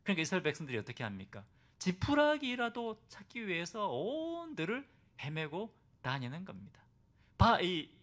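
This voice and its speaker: A man's voice: sits high, fairly bright tone. A male pastor preaching a Sunday sermon at a church service. He keeps asking the congregation rhetorical questions and acts out the voices of biblical figures.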